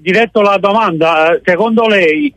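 A male caller heard over the phone line on a radio phone-in. His voice sits high and sounds dry and close. He asks his question haltingly, stopping often on hesitant fillers. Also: fairly bright tone, no echo, faint music behind.

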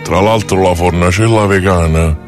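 A man whose voice is pitch-shifted deep by computer to stay anonymous, a radio guest telling a rueful deadpan story. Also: moderate pace, music in the background. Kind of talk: comic radio call-in sketch.

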